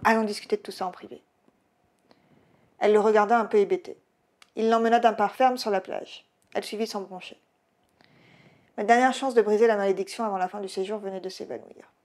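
A woman author reading her own novel aloud in a lively storytelling way. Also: medium pitch, fairly quick. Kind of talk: audiobook reading.

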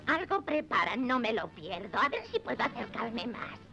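High-voiced cantankerous old lady. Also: sing-song, moderate pace, gravelly, sharp tone, faint music behind, heavily acted. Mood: nosy, suspicious. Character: nosy, cantankerous old woman. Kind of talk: 1970s cartoon voice acting.

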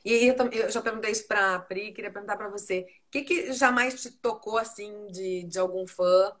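A woman's voice: medium pitch, moderate pace, fairly bright tone. A woman from Brazil interviewing a guest conversationally, with short reactions. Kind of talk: casual interview.

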